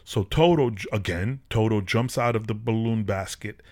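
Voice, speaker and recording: A man's voice: fairly low pitch, moderate pace, darkish tone. A man hosting a podcast, casually retelling a film and drawing spiritual lessons from it, in a loose, rambling way with many fillers and restarts. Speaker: podcast host.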